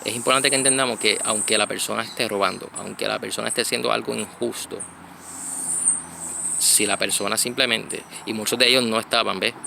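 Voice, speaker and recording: Halting low-voiced man outdoors. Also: steady tone, gravelly, noisy background. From United States (Connecticut). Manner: halting, many fillers and restarts. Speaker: church brother giving a reflection. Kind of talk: casual spoken reflection.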